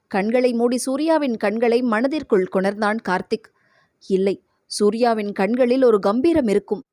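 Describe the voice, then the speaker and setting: A woman, a radio host, narrating an audio novel in a steady, measured voice, recorded close to a studio microphone. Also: fairly high pitch, no echo.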